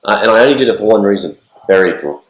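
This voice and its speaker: A hoarse Australian man with a croaky, frog-like voice from the flu, co-hosting a racing show in casual, blokey, halting chat, often repeating himself. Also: fairly low pitch, expressive. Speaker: co-host of horse racing show. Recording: echoey, roomy sound.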